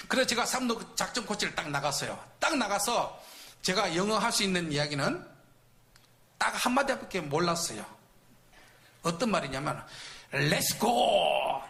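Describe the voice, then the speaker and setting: A man preaching in a church, telling a story with loud acted-out outbursts. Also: high voice, vocal fry. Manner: animated storytelling with shouted reenactments. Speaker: preacher at a Friday night service. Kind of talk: storytelling sermon testimony. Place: church sanctuary.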